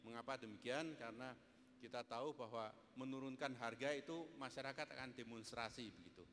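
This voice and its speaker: A man's voice: medium pitch, fairly bright tone. Panel guest: man under heavy hall reverb. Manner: measured, explains with figures and pauses. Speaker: industry association guest. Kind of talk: interview answers. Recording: echoey hall sound, faint background hiss.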